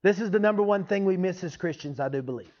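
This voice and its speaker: A man's voice: high-pitched, fast talker. A man giving an informal, folksy teaching sermon as a preacher, often checking in with his listeners. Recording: dull, lo-fi sound.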